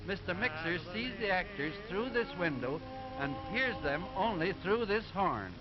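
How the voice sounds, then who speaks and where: A patient cartoon professor from an early talkie film. His voice is high and he lectures in careful, didactic phrases. The soundtrack is dull and vintage, with music playing behind him. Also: expressive. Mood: patient, instructive. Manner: deliberate, didactic, clearly enunciated. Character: instructive professor explaining machinery to pupils. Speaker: narrator explaining sound film.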